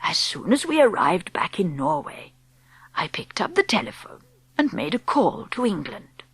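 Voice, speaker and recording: A woman voicing a gentle, wise grandmother in her eighties, speaking slowly in a soft, whispery hush. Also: mid-range voice, big pitch swings, slightly rough, heavily acted. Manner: slow and hushed.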